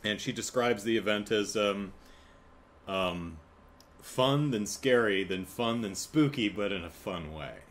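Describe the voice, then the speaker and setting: A man with a fairly low voice talks through an episode recap in a loose, casual way. He rambles, fills gaps with ums and uhs, and chuckles at his own asides. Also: expressive, measured pace, a bit bright. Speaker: TV episode reviewer.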